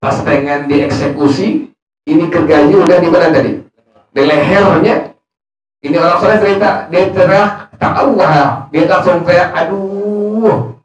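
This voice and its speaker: A man teaches a religious class, reading Arabic text aloud and then explaining it in casual, chatty speech. His voice sits a little high. He is recorded from a distance in an echoey prayer room. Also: normal speed. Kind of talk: Islamic study sermon.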